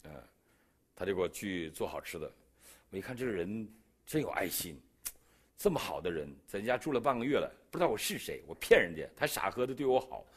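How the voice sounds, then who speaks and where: Animated middle-aged Beijing man preaching. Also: a little fast, slightly rough. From China. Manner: animated storyteller who jumps in pitch and loudness, acting out dialogue. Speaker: preacher giving a testimony. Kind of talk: sermon testimony with storytelling.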